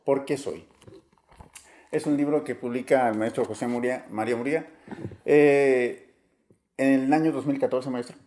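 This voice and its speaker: A man hosting an interview with a warm, dark voice. He introduces his guest formally and asks questions with earnest care, stopping often on fillers. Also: mid-range voice, steady tone, moderate pace, long pauses, a little hiss or hum. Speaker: interviewer, host.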